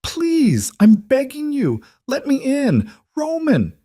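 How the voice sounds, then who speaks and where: A man's voice: lively intonation, takes it slowly, dark tone, no echo, studio quality. A man voicing a desperate young pregnant wife who pleads with her husband in a raised, pleading voice. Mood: frantic. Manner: pleading, breaking into high cries.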